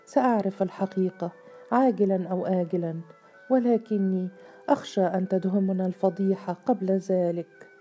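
A woman's voice: medium pitch, steady tone, moderate pace, dark tone, faint music behind, natural voice. A woman reading the part of a wise young queen who worries over a secret, in a storybook tale. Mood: worried. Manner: earnest, worried.

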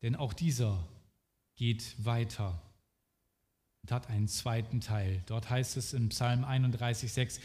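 A man preaching a sermon at a slow, deliberate pace, speaking earnestly and directly to the listener. His voice sits at an ordinary pitch and rings with a long reverberant tail. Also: darkish tone.

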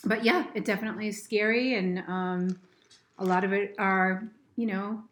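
A woman's voice: mid-range voice, steady tone, moderate pace. A middle-aged woman from Massachusetts speaking as a nurse in a casual interview, earnest and hesitant, with many ums and restarts. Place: family home.

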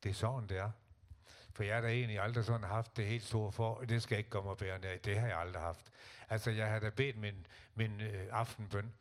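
An older man, a singer and guest, telling lively stories and acting out what others said. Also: on the low side. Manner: animated, acts out quotes. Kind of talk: casual storytelling.

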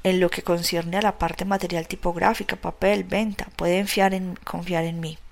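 A woman reading the lines of an eager young man who is pitching a publishing business to his friends. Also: level tone, normal speed, creaky. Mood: persuasive.

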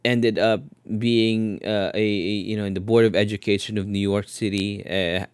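A man hosting a podcast interview, halting and repeating words as he searches for his phrasing. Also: fairly low pitch, steady tone, smooth, no room sound. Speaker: podcast host. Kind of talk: interview questions, casual chat.

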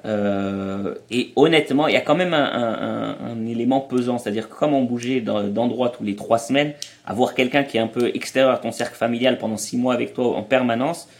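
Homme d'âge moyen qui raconte des anecdotes. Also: male voice, medium pitch, a little fast. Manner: explanatory, anecdotal, hesitant restarts. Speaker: guest, traveling parent. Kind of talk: casual interview chat.

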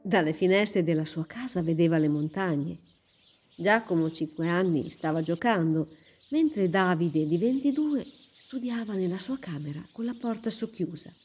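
A woman narrating a story in a calm, measured reading voice. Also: fairly low pitch, husky. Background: soft background music.

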